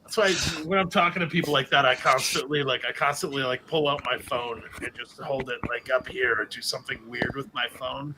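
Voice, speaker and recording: A man's voice: mid-range voice, fairly quick, noisy background. A man co-hosting a podcast, riffing jokily in casual chat. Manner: lively, jokey riffing. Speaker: podcast co-host.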